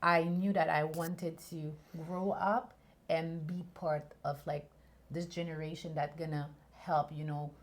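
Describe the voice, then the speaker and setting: Her voice sits low, with a flat, slightly slow delivery. She's a thirtysomething attorney from Haiti, a guest in an interview conversation, telling her story thoughtfully amid frequent fillers and restarts.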